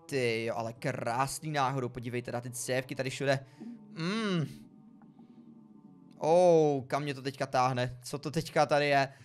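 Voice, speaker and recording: A man giving excitable, exclamatory let's play commentary while talking to his viewers. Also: medium pitch. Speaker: gaming video creator. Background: faint background music.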